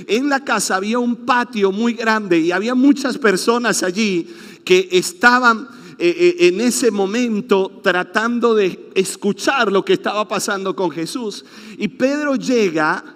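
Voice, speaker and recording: A man with a Venezuelan accent preaches a sermon in a church, telling the story with plenty of drama. His voice sits high and he takes his time. The hall around him rings with a long reverb. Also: fairly bright tone. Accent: Venezuelan Spanish. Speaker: pastor.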